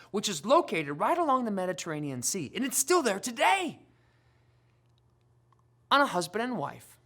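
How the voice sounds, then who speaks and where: Animated high-voiced woman teaching kids. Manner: animated, playful storyteller with shouted sound effects. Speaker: children's church teacher. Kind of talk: lively kids' Bible lesson.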